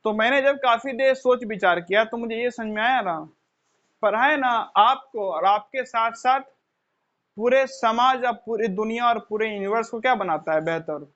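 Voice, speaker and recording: A man with a strikingly high voice lectures students in an earnest, explanatory way. He keeps asking his listeners questions, then supplies the answers himself, and calls them children. The recording sounds muffled and lo-fi. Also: moderate pace, a bit bright. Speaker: teacher. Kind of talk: motivational classroom lecture. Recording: dull lo-fi recording.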